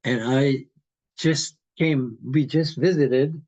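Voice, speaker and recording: A man in his eighties from Hungary, talking in a slow, rambling, philosophical way in casual conversation. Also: medium pitch, a little mellow, highs cut off. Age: 80s.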